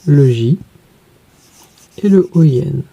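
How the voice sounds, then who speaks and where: A woman teacher guiding pupils through a reading workbook, spelling letters out slowly and carefully. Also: sits low, lively intonation, gravelly, mellow, lo-fi sound, slight background noise.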